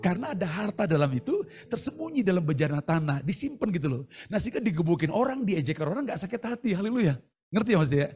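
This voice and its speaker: A man preaching a sermon over a video call, telling stories in an animated, chatty way. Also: sits high, quick pace, slightly rough, soft background music. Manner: animated, chatty storytelling with laughs. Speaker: pastor. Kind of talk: storytelling sermon.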